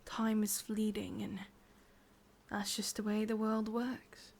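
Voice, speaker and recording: An ancient witch longing for love is voiced by an English woman in an ASMR roleplay, who speaks in close, breathy whispers broken by musing pauses. The tone is level and mid-range, the feeling wistful and sorrowful.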